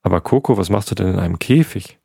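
A man's voice: low-pitched, lively intonation, quick pace, gravelly, warm tone, slightly rough, dry recording, clean studio sound, heavily acted. A man voicing a worried, motherly female squirrel in a bedtime story, fussing fretfully.

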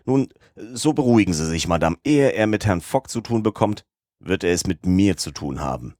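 A man's voice: low voice, expressive, normal speed, a little mellow, no echo, studio quality. A man voicing a loyal, worried young manservant in a read-aloud storybook, speaking eagerly.

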